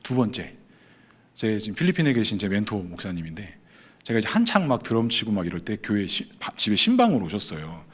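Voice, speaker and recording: A man's voice: fairly low pitch, big pitch swings, fairly quick, fairly bright tone, breathy edge. A male pastor giving a sermon testimony, acting out his own past prayers and thoughts as he tells the story.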